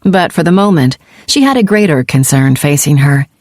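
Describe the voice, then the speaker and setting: A woman narrating a science-fiction audiobook in a steady, even storytelling manner. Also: sits low, moderate pace, no echo, studio quality. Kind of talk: scripted narration.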